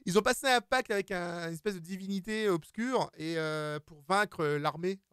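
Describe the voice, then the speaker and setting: A man's voice: high-pitched, unhurried, sharp tone, smooth, no room sound, studio quality. A man, a gaming YouTuber, giving casual let's-play commentary and joking with the characters on screen. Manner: playful, jokes with the game characters.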